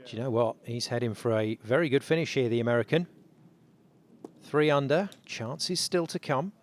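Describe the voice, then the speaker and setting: Guy doing golf commentary, medium pitch, short dramatic measured lines, bit of noise behind him. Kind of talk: golf tournament television commentary, dramatic narration of play.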